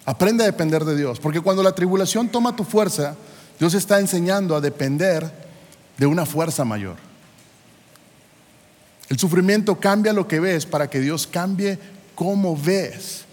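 A man's voice: sits high, lively intonation, moderate pace, long pauses, a little mellow, big-room sound. A man in his forties, a pastor preaching a sermon, emphatic and full of rhetorical questions. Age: 40s.

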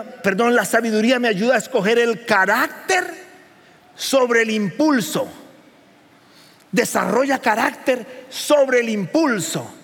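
A man preaching a sermon as pastor, animated and rising to near shouts. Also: sits high, breathy edge, big-room sound.

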